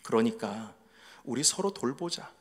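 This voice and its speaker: Echoing through a church sanctuary, a middle-aged pastor's unhurried, slightly rough mid-range voice carries lively intonation. His sermon is built on storytelling, as he recounts family episodes and acts out what each person said.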